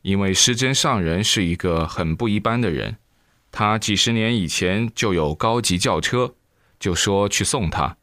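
Low-voiced man reading a Buddhist book aloud. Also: moderate pace, no room sound, clean studio sound. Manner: lively storytelling with exclamations. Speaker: reader.

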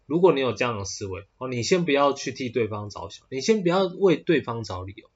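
Taiwanese-accented male podcast host, mid-pitched and husky, talks in loose rambling bursts full of fillers, dull lo-fi sound. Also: big pitch swings, fast. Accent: Taiwanese Mandarin. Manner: rambling, with many hesitant fillers and restarts. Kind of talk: casual solo podcast talk.

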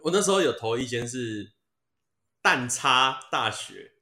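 A man's voice: mid-range voice, expressive, measured pace, pushed and bright. A young man with a Taiwanese Mandarin accent, casually telling self-mocking stories, swearing freely and laughing as he talks. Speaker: podcast co-host. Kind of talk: casual storytelling chat. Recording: roomy echoey room.

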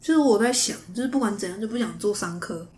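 A woman's voice: medium pitch, animated, fast, roomy sound. A young woman, co-hosting a casual podcast chat and giving frank opinions. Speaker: podcast co-host.

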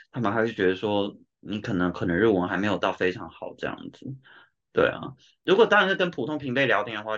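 A Taiwanese Mandarin-accented podcaster who lives and works in Japan talks casually, giving examples and mixing in Japanese and English words. His voice is lowish and a bit bright, captured in dull, lo-fi audio.

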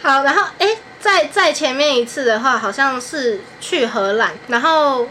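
A woman's voice: high voice, lively intonation, moderate pace, bright, forceful tone. A young woman guesting on a podcast, chatting casually and laughing along. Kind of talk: casual chat. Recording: faint fan noise.

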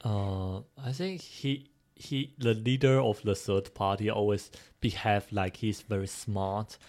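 A man from Taiwan, co-hosting a casual podcast in halting English. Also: lowish voice, a little mellow. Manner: halting non-native English, laughs often. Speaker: podcast co-host. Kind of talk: casual discussion.

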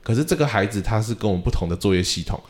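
Male podcast host and drum teacher, lowish voice, animated storyteller who plays out conversations. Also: very fast. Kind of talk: casual podcast chat.

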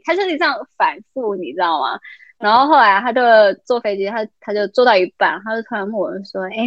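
A young adult woman recording remotely as a podcast guest, telling a story in a lively casual way. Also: a little high, no echo. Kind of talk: casual chat.

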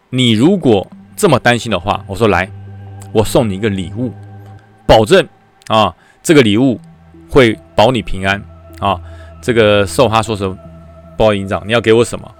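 A man with a Taiwanese Mandarin accent tells a story podcast in a lively, chatty way, recounting his army days as a battalion commander. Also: on the low side. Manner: lively, chatty, acts out the voices.

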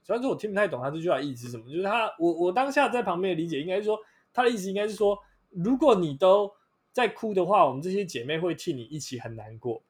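A man's voice: high-pitched, expressive, fast talker, breathy edge. A young man with a Taiwanese Mandarin accent hosting a casual solo podcast, blunt and rambling, swearing freely with lots of fillers. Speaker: podcast host.

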